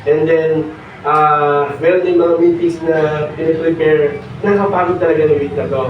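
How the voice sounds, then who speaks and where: A hoarse young man preaching a sermon, mixing in English and pausing on fillers. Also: on the high side, fairly even intonation, slight background noise. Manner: mixes Tagalog and English, pauses with fillers. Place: church hall. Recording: echoey hall, distant dull mic.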